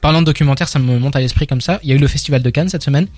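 Man, show host, quick and playful, in charge of the flow, faint music behind. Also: mid-range voice, a little mellow, no echo. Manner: brisk, playful, steers the talk. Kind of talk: casual chat about rap news.

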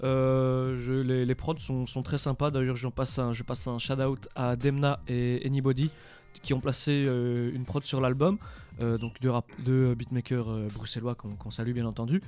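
A man's voice: medium pitch, level tone, dark tone, smooth. Guy on a rap panel, lots of euh and restarts, mid voice, music faint behind. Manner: halting, many restarts and fillers. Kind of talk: casual studio debate.

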